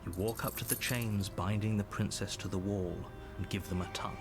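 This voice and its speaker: An actor playing a stern, controlling narrator in a video game, with measured, literary and insistent delivery. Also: male voice, fairly low pitch, fairly even intonation, close to an everyday voice. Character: stern, disapproving storybook narrator, a controlling male presence. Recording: game music behind the voice.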